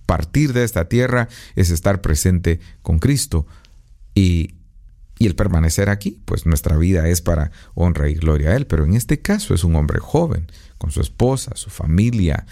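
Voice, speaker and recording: Radio preacher, male, 50s: very deep and gravelly, earnest pastoral delivery, studio booth. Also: expressive, normal speed, dark tone. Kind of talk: radio devotional sermon. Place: recording booth. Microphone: studio microphone.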